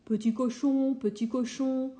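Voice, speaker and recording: A woman voicing a kind, gentle wolf in a storybook tale, speaking slowly and sadly. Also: high-pitched, steady tone, voice pushed up. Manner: slow, sorrowful and gentle.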